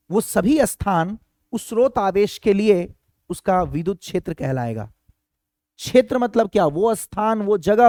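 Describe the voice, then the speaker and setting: A man's voice: high voice, a little mellow, no echo, clean studio sound. A man teaching a physics lesson to students, often asking them questions and acting out what a student might ask. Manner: asks students repeated questions, acts out student voices. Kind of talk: classroom physics lecture.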